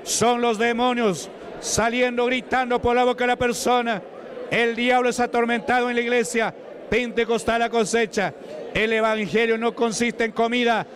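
A man from Peru with a Peruvian Spanish accent, preaching at a church deliverance service, shouting commands and chanting repeated praises. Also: extremely high pitch, flat delivery, normal speed.

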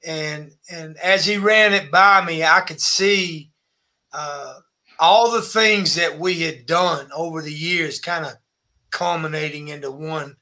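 A man's voice: on the high side, takes it slowly, sharp tone. A man, a football coach, chatting over a video call, searching for his words with many fillers. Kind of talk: casual interview chat.

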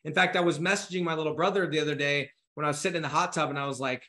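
Male, 30s, business coach, punchy motivational delivery, casual swearing; bright edge, roomy echo. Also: on the high side, very fast. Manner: energetic, urgent, swears casually; gestures a lot with his hands while talking. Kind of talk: motivational talk to camera. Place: home office with bookshelves.

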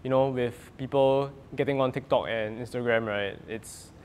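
A man's voice: mid-range voice, steady tone, moderate pace, slight background noise. A young adult man with a Singaporean accent and light Singlish touches, talking casually as a singer-songwriter in an interview.

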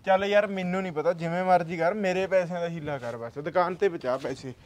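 A man's voice: high voice, fairly quick, lightly acted. A man playing an insistent shopkeeper demanding his money. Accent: Punjabi. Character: frustrated creditor friend, a male shopkeeper.

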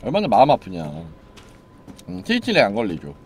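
A man streaming a horror game live, chatting and joking with viewers, dropping to mumbles and then yelling in excitement. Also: on the low side, fairly quick, slight background noise.

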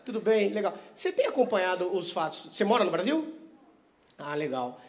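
A male stand-up comedian works the crowd, teasing and swearing, swinging from quiet asides to loud laughing bursts. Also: high voice, very animated, a little fast. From Vitória, Brazil. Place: comedy stage before a live audience.

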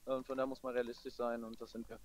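This is a male football coach's post-match interview. He speaks rapidly in a measured, matter-of-fact way, holding his middle-pitched voice very steady.

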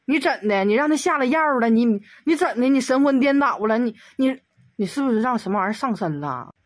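Woman commentator, comedic exasperated rant, slightly high voice, dry close sound. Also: lively intonation, dry recording. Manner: exasperated, rapid rhetorical questions. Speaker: video commentator.

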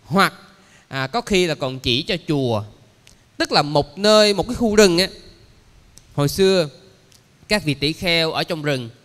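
A man, a Buddhist monk giving a dharma lecture, explaining slowly with many pauses and fillers. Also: on the high side, lively intonation, a bit bright. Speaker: Buddhist monk teaching a sutra class. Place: temple lecture hall. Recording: long hall reverb.

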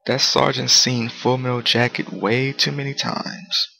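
A man's voice: mid-range voice, flat delivery, a little slow, vocal fry, bright, forceful tone, rough recording. A man giving casual let's play commentary on a video game. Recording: game music behind commentary.

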